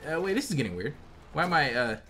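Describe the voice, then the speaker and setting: Animated American man doing gameplay commentary. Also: fairly high pitch, fast talker, a little hiss or hum. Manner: animated, slangy. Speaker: gaming video host. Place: indoor room at home, facecam. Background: game music.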